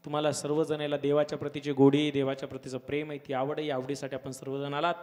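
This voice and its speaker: A man preaching a devotional kirtan sermon at a village gathering, fervent, swelling to loud exclamations. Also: fairly high pitch, monotone, fast. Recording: long hall reverb with harmonium and tabla.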